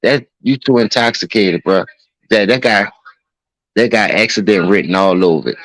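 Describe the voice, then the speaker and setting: Man, low voice, dry close-mic sound, loose profane podcast storyteller. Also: normal speed, fairly bright tone, dry recording, rough recording. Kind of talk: casual podcast chat.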